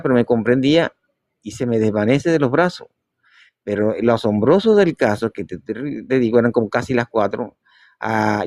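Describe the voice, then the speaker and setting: A man's voice: medium pitch, no room sound, studio quality. A man telling a personal story in a casual live stream, acting out the dialogue. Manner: animated storyteller, acting out quoted dialogue with dropped soft voice.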